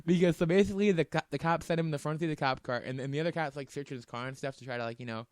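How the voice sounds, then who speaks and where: A man's voice: fairly high pitch, rapid-fire, dry recording. A young man co-hosting a casual podcast, telling a long rambling story with frequent restarts and laughs. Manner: rambling, laughs through his stories, many restarts. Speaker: podcast co-host.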